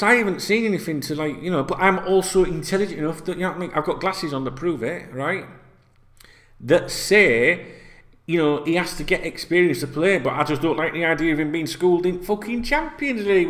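The speaker is a middle-aged man from Yorkshire, England, ranting about football to camera in a small room against a plain wall. He's casual, conversational and rambling, and he swears constantly. His voice is high-pitched and a bit bright.

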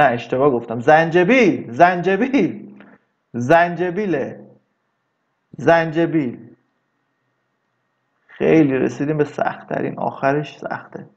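A man teaching English vocabulary in a casual lesson, drawing words out slowly and adding chatty asides. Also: a little high, lo-fi sound. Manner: slow, drawn-out repetition of words, chatty asides.

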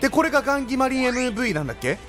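An excitable man fires off game commentary at a rapid clip, his high voice swinging up and down in an animated way. He teases and yells at the screen over loud game music. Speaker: let's play commentator.

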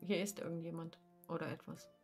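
A woman's voice: low voice, fairly even intonation, fairly quick, faint music behind. A woman playing her character in a tabletop role-playing game over a video call, with dry, understated quips. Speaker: player.

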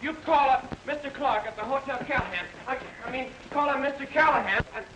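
An actor playing a flustered, mild-mannered young husband in 1940s screwball comedy banter, stammering and fussily polite, on an old film soundtrack. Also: male voice, very high-pitched, fairly quick, background noise. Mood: flustered, pleading.

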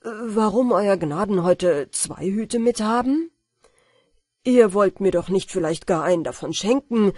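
A woman's voice: medium pitch, animated, unhurried, warm tone, husky, dry recording, clean studio sound. Woman doing a cheeky young fisherman. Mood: eager, cheeky.

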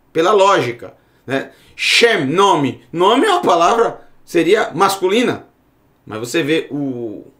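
A man teaching a recorded Bible Hebrew lesson, explaining slowly, repeating words and checking in with the class. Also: sits high, fairly bright tone.

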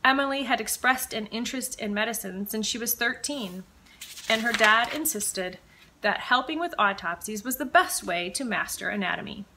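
Bright-voiced woman reading her novel. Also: a little high, a little hiss or hum, rough recording. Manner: measured, expressive storytelling. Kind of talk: audiobook-style reading of fiction.

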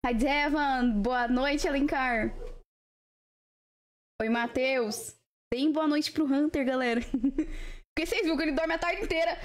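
A woman's voice: sits high, measured pace, pauses often. A Brazilian woman hosting a live stream, chatting casually with viewers in a playful, teasing way. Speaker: livestream host.

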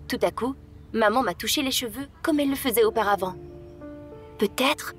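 Woman telling a dramatic story. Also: medium pitch. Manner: dramatic, emotional delivery that rises in tense moments. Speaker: storyteller narrating in first person. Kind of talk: scripted story narration.

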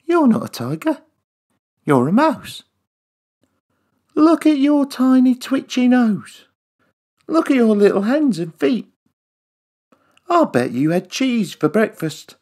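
A woman voicing a teasing storybook animal, raising her voice higher to mock a little mouse in a sing-song way. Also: big pitch swings, takes it slowly, long pauses, dark tone, exaggerated voice.

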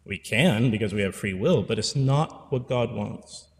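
A man in his forties, a priest, delivers an earnest pastoral sermon into a stand mic at the pulpit, repeating phrases for emphasis. His voice sits on the low side and moves unhurriedly, with a long reverb tail filling the church sanctuary.

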